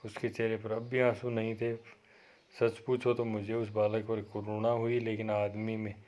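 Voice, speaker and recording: Low, flat-voiced male lecturer reading aloud. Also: normal speed. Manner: steady read-aloud delivery with occasional self-corrections. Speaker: college lecturer. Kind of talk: reading a story aloud and explaining it.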